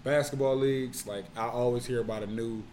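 A man co-hosting a podcast, talking in a laid-back, halting way with many restarts. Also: medium pitch, steady tone, darkish tone, a little hiss or hum. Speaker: podcast co-host. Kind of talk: casual chat.

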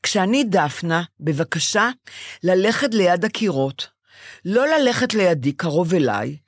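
An older woman co-hosting a chat show, telling a long personal story in a lively way and acting out what she said back then. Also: medium pitch, no room sound, clean studio sound. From Israel. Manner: animated storytelling, acts out her own past quotes. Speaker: podcast co-host. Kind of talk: casual chat.

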